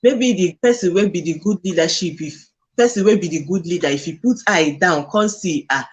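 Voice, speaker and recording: A man with a husky, slightly high-pitched voice and a Nigerian accent talks in casual Pidgin. He explains things like a storyteller, acting out his examples as he goes. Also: moderate pace.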